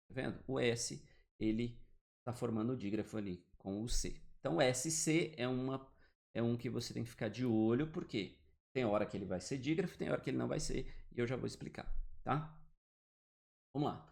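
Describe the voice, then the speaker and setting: A man's voice: medium pitch, moderate pace, vocal fry, a little mellow. A man giving an online grammar lesson, explaining step by step and often checking in with the listener. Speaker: teacher. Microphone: computer mic, drawing with the mouse.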